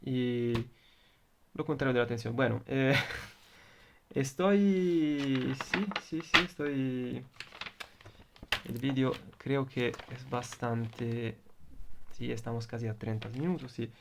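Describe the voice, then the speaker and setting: Explaining electronics on video, this Italian man speaks slowly with a mid-range voice, vocal fry, and frequent pauses. He is a native Italian speaker with an Italian accent who keeps restating his points in different words. A little hiss or hum is audible.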